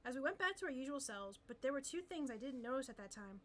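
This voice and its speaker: A woman reading a light novel aloud in an expressive, animated way. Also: sits high, fast. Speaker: reader and channel host.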